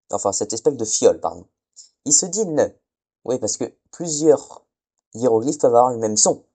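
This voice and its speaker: A man's voice: medium pitch, warm tone. A man giving a casual spoken lesson, hesitant, often stumbling and correcting himself. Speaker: teacher.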